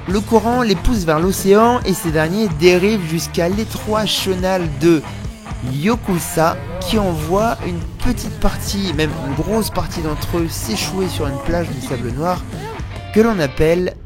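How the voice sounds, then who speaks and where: A man's voice: high-pitched, a little slow. A young man narrating a travel photography vlog in a casual way, with informal youth slang. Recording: music behind the voice. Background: music.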